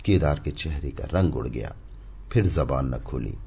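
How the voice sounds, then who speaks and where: A man narrating a classic short story in an expressive, dramatic reading style. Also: extremely low pitch, moderate pace, gravelly, slightly rough. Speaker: audiobook narrator.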